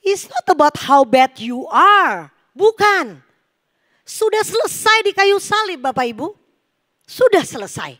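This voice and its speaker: High-voiced middle-aged woman preaching. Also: a little slow. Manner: lively, joking storytelling with the congregation. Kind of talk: sermon. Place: church service.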